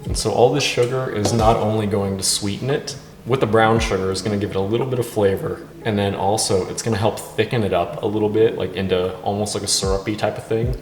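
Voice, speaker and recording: A man's voice: lowish voice, steady tone, fast talker. A drunk man chatting casually as he hosts a cooking vlog in a kitchen, goofy and giggly, given to bursts of exclamation. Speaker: host of a drunk cooking video. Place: indoors in a kitchen. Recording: reverberant room, music behind.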